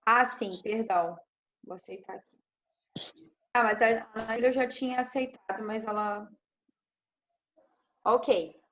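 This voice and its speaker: A woman with a high voice teaches an online class through her computer mic. She explains step by step and keeps asking her students if they are following. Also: fairly even intonation, slow pace, long pauses, a bit bright, highs cut off. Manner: explains step by step, checks in with frequent tag questions. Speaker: English teacher.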